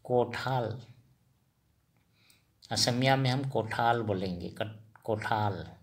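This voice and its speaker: Man, language teacher, gravelly low voice, repeats words, quizzes listeners. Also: slow. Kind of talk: slow spoken vocabulary lesson.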